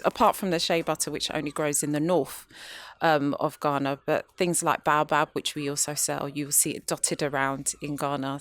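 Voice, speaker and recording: Low-voiced woman explaining. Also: a bit bright, no echo. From North London, UK. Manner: explanatory, many ums. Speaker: guest, skincare business founder. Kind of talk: casual interview.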